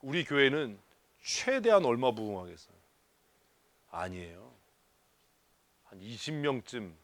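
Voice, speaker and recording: A man's voice: medium pitch, a bit bright, dry recording. A male pastor giving a church leadership seminar talk, teasing his audience and firing questions at them. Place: church hall.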